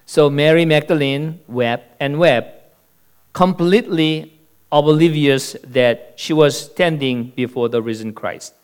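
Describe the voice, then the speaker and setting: Slow, clear-voiced male pastor. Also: on the high side, a little mellow. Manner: slow, deliberate storytelling. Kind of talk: sermon with a told joke.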